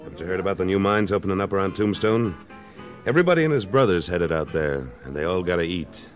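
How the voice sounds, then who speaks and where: In an old radio western recording with faint music, an actor voices a tough, laconic American cattleman gunslinger who once served in the cavalry. His deep voice is expressive and fast, and he speaks tersely with a cool, confident self-assurance.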